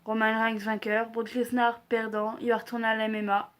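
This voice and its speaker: A woman's voice: on the high side, completely flat delivery, brisk. A young woman making a casual wrestling predictions vlog, hesitant and full of fillers, laughing at herself. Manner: hesitant, many fillers, self-deprecating. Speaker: vlogger.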